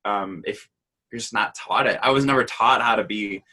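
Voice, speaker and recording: Man, earnest podcast co-host, run-on explanations, lowish voice, bright forceful tone. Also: normal speed. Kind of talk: casual conversation.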